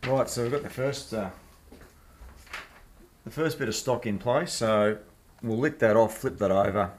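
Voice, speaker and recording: Unhurried and mid-range in pitch, this Australian man hosts a machining project series from his home workshop. He explains the work in a laid-back, informal, blokey manner.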